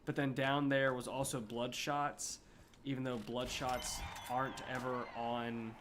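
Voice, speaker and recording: A man's voice: medium pitch, little pitch movement, a little slow, music in the background. A young man chatting casually while gaming, rambling with many fillers and restarts. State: hiccups. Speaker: gaming streamer. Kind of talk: casual rambling review chat.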